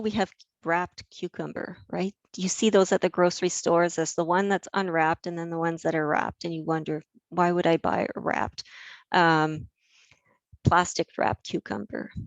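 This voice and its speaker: A woman's voice: lowish voice, no echo, dull audio. A woman giving an enthusiastic live online lecture, with frequent fillers and restarts.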